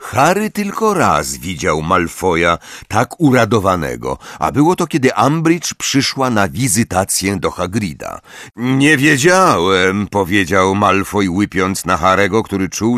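A man narrating an audiobook in measured, expressive storytelling. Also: low voice, no room sound, studio quality. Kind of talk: scripted narration.

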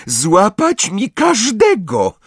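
Brief: male reader as a triumphant middle-aged teacheress, high, effusive, drawn-out praise. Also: huge pitch swings, breathy edge, no room sound, studio quality, full character voice. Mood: commanding. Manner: gushing, breathless delight.

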